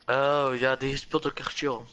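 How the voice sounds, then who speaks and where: Man, gaming livestream chat, relaxed and hesitant, average pitch, slight background hiss. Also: unhurried, muffled recording. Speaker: gaming streamer.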